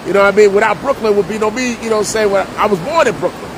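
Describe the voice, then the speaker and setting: A middle-aged man from Jersey City, telling his life story in a casual vlog monologue, full of street slang and repetition. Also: racing. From Jersey City, New Jersey. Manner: streetwise slang, repeats himself for emphasis. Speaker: vlogger and preacher. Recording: loud rumbling noise behind voice.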